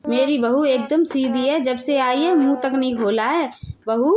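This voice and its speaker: Cartoon mother-in-law, voiced by a woman: older, fussy, high voice, over-the-top laments. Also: normal speed, a little mellow, highs cut off, close to an everyday voice. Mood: boastful. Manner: boastful, then wailing theatrically. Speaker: voice actor for a cartoon story. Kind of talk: Hindi cartoon dubbing.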